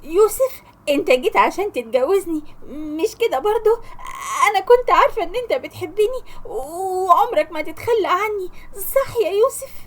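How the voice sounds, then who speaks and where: Brief: jealous scheming twin sister, Egyptian accent, frantic and shrill, put on by a woman narrator. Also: lively intonation, moderate pace, darkish tone. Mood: manic.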